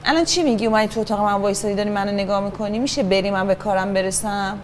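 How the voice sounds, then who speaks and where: A woman's voice: mid-range voice, a little hiss or hum, lightly acted. A woman playing a stubborn, unapologetic brother who teases and argues back in an improvised acting scene. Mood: defiant. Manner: taunting, stubborn back-and-forth. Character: defiant teasing brother, unapologetic.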